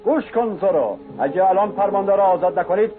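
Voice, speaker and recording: An actor dubbing a commanding, threatening army captain in a cartoon. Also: male voice, high voice, lightly acted. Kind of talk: dubbed cartoon voice acting. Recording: tinny lo-fi sound with music.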